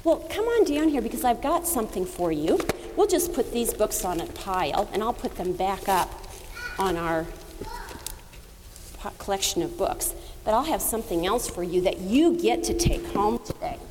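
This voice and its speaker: A woman giving a children's sermon in a sweet, patient Sunday school manner, using simple words and gently coaxing. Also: medium pitch, expressive, moderate pace. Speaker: children's message leader at church. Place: large echoing church indoors. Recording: reverberant church hall with background noise.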